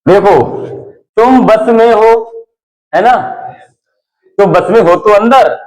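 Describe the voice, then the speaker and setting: Male teacher, high voice, unhurried delivery, classroom lesson, keeps checking students follow. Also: poor audio. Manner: explains step by step, often checking with "है ना?" and "ठीक है?". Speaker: English grammar teacher.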